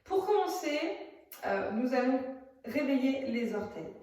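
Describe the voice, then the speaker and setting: A woman's voice: sits high, sing-song, a little slow, darkish tone. Chatty woman teacher in an echoey room. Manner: chatty, many hesitations, demonstrates while talking. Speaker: theatre workshop teacher. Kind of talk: casual video lesson. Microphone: phone camera at a distance. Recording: very echoey, voice from far off the phone.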